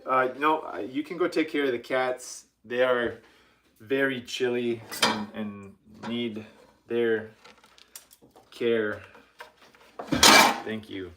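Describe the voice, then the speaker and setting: A man's voice: medium pitch, steady tone, slow, pauses often, a bit bright. A middle-aged man hosting a live cooking stream from his home kitchen, rambling and self-deprecating with lots of ums. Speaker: livestream host. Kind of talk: casual live cooking chat.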